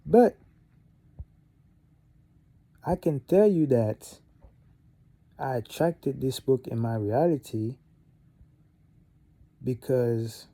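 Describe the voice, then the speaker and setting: This vlogger, a young native French speaker from Gabon, stretches out his words and leaves long pauses as he rambles through an informal pep talk to camera. His pitch is medium, the recording dry, and he restarts often, uses many fillers, and grows animated at key moments.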